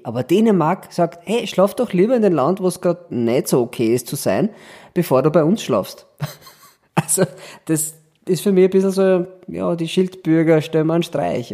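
A man's voice: on the high side, warm tone. A man hosting a casual podcast chat, joking and laughing often. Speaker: podcast host.

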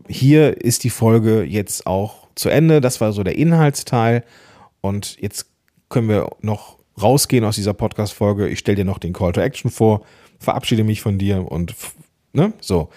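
A man hosting a solo podcast episode, giving tips in a casual, lively way, playing with emphasis and pauses. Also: on the low side. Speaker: podcast host.

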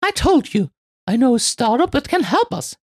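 A man's voice: extremely high pitch, normal speed, no room sound, studio quality, voice pushed up, full character voice. A man doing an eager, proud young woman. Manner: proud, excited.

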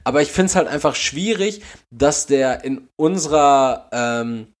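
A man's voice: mid-range voice, a little slow. A German man co-hosting a podcast, rambling through casual chat with many fillers and restarts. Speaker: podcast co-host.

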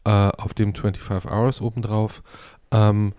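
Mellow man in his fifties chatting. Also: lowish voice, a little slow, smooth, no room sound. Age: 50s. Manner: relaxed, hesitant with many fillers. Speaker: podcast co-host. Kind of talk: casual chat.

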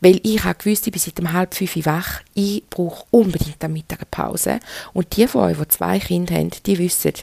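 A podcast host in her thirties with a Swiss German accent speaks frankly and chattily to her listeners in a solo monologue. Her lowish voice is mellow and slightly rough with vocal fry, at normal speed, in a dry recording.

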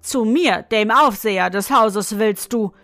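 A woman voicing a stern male palace overseer who scolds loudly and talks down to others. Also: mid-range voice, a little slow, no room sound, faint music behind. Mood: condescending. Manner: loud scolding.

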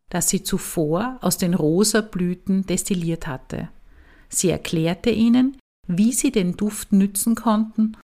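A woman reading scripted stories and guided meditations in a soothing, measured, gentle way. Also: mid-range voice. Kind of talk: scripted fairy tale and guided meditation narration. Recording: music behind the voice. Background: music.

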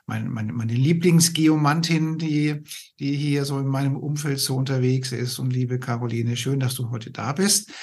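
A man's voice: mid-range voice, slightly rough. A man hosting a podcast interview, introducing his guest and asking questions, with stammering repeats. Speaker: podcast host.

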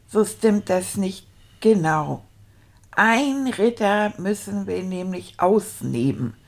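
A woman's voice: medium pitch, a little mellow. A woman voicing an eager, childlike male character who stumbles through a storybook, sounding out hard words syllable by syllable. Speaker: storyteller reading aloud. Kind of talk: children's show reading.

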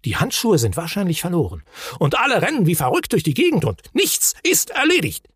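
A man's voice: high voice, wildly swooping pitch, fairly quick, fairly bright tone, husky, no echo, clean studio sound, pitched above the performer's own voice, full character voice. A man voicing an irritable, fussy male troll-like creature who grumbles and complains in a storybook reading. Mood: frantic, irritated.

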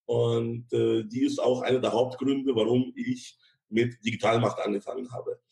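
Podcast guest, man in his thirties from Ukraine, gravelly voice, mid-pitched, chatty and filler-heavy. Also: fairly even intonation, normal speed, a little mellow. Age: 30s. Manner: many fillers, chatty, ends phrases with "ja". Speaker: podcast guest, insurance broker. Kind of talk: casual interview talk.

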